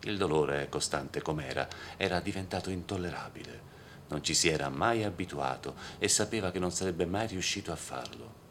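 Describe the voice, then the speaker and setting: Deep-voiced male audiobook narrator with a measured delivery and whispered asides. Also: a bit bright, slight background noise. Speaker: audiobook reader. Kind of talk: scripted narration.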